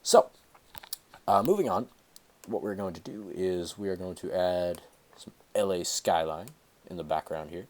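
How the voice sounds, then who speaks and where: Low-voiced and unhurried, a teen tutorial host with a stuffed-up nose rambles through a casual screen recording from a small room in his home, using a headset. His slightly mellow delivery includes long pauses, filler words and corrections of himself.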